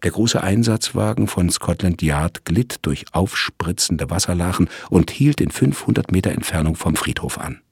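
A man narrating a crime story in a lively storytelling manner. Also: low voice, normal speed, creaky, few pauses, breathy edge, no echo, clean studio sound.

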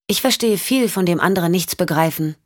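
A woman's voice: fairly low pitch, expressive, normal speed, clean studio sound, pitched above the performer's own voice. A woman voicing a withdrawn, odd young girl who gives blunt short answers and echoes words, for an audiobook.

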